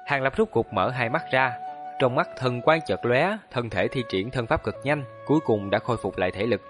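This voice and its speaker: A man narrates a long novel in a steady, even storytelling delivery. His voice sits at a middle pitch for a man. Faint music runs softly behind the reading. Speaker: audiobook narrator. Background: faint background music.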